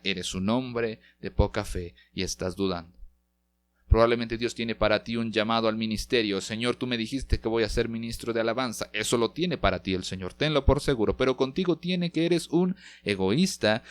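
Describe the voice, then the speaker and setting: A man's voice: on the low side, fairly bright tone. A man, a pastor, preaching a podcast sermon and acting out quoted prayers and lines with dramatic shifts, speaking straight to the listener.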